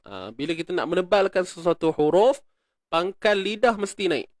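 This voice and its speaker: A man with a Malaysian Malay accent teaching Quran recitation rules, explaining patiently, repeating words slowly and chanting verses. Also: high voice, sing-song, no echo, clean studio sound. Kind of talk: tajwid lesson, explaining and reciting.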